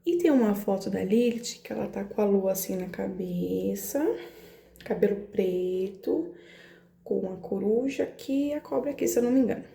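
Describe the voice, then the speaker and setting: A woman's voice: mid-range voice, moderate pace, creaky, warm tone, echoey room. A woman with a São Paulo–area Brazilian accent telling a personal story on her vlog, emotional and hesitant, often repeating words. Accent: Brazilian Portuguese, São Paulo area. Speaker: astrology vlogger.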